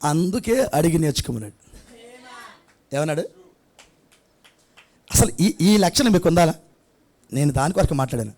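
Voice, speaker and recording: A pastor preaches in a church prayer hall, his voice sitting high for a man. He talks to the congregation conversationally, firing rhetorical questions and slipping into little acted scenes. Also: very animated, moderate pace, pauses often, darkish tone. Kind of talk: sermon.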